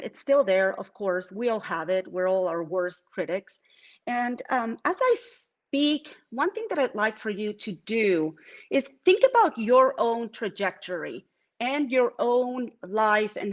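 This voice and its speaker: Speaking from her home studio during a live artist talk, this middle-aged Venezuelan woman has a voice on the high side and a Venezuelan Spanish accent. Her manner is reflective, full of fillers and restarts, captured in lo-fi audio.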